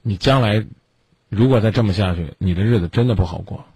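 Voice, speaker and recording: A man's voice: lowish voice, brisk, mellow, breathy edge, no echo. A man hosting a radio call-in advice show, scolding a caller in a stern lecture full of pointed questions.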